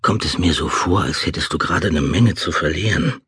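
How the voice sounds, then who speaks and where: A man voicing a circus worker in an audiobook, speaking low, hushed and urgent. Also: fairly quick, slightly rough, no echo, clean studio sound, exaggerated voice.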